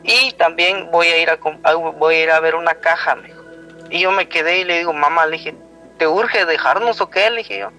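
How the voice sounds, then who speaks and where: Over clearly audible music on a somewhat dull recording, a Guatemalan guest rambles through a personal story, a little fast. He has a high, bright voice and a Guatemalan Spanish accent, and he keeps tagging quoted lines with "he told me."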